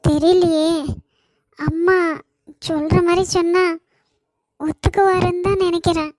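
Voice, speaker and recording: A woman's voice: very high voice, fairly even intonation, measured pace, darkish tone, a little hiss or hum. A woman voicing Hasini, a hesitant, distressed young woman in a cartoon, with a Kanyakumari Tamil accent. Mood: helpless. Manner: hesitant, pleading. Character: troubled, timid young woman forced into marriage.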